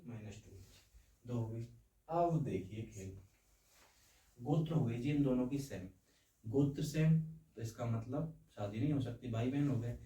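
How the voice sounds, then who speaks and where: A man with a mid-range, dark voice teaches a science lesson, using homely, playful analogies and frequently checking that students follow. The room is echoey and he sounds far off.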